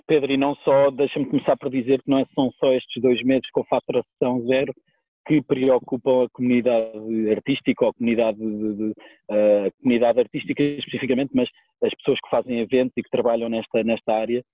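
A man with a European Portuguese accent gives wordy, casual answers as a guest. His voice is husky and mid-pitched, and he talks very fast. It comes through a thin, phone-like connection. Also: little pitch movement, dry recording. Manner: colloquial, wordy. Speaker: guest, musician and DJ. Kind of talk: casual conversational interview answers. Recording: tinny, phone-like radio line.

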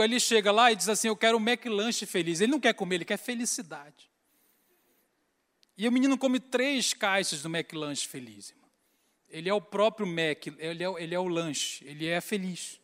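A man's voice: high-pitched, big-room sound. A man giving a humorous sermon, acting out scenes and calling his listeners brothers. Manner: animated storytelling, acts out scenes, addresses crowd as brothers. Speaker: preacher.

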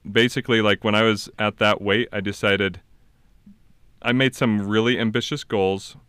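Man, podcast host, casual chat, smooth late-night radio voice, resonant, dry close sound. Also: on the low side, moderate pace, no room sound. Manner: relaxed, talks in long explanations with fillers and restarts. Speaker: podcast host and class instructor.

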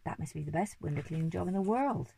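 A woman's voice: deep voice, expressive, fast talker, vocal fry, mellow, breathy edge, heavily acted. A woman voicing an eager, hungry male pelican in a storybook reading, speaking with longing. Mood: delighted. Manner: longing, gushing.

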